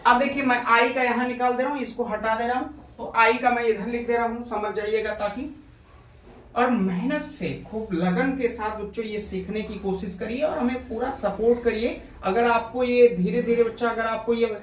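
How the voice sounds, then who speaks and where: A man's voice: very high voice, steady tone, normal speed, slight background noise. A male chemistry teacher coaxing his pupils through a lesson, asking questions and answering them himself. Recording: echoey room, recorded from a distance.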